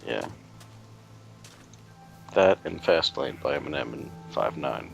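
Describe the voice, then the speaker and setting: A young man with a very deep, gravelly voice chats loosely while gaming. He rambles, leans on fillers and crude jokes. Faint game music plays underneath. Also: sing-song, takes it slowly, highs cut off. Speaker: let's play host. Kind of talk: casual chat while gaming.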